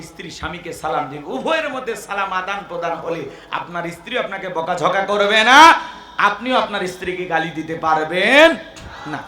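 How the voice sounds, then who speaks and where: A man preaching a comic sermon to a crowd, joking, asking the listeners questions and breaking into shouts and chanting. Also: sits high, reverberant. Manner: jokey, quizzes the crowd, bursts into shouts and chanting.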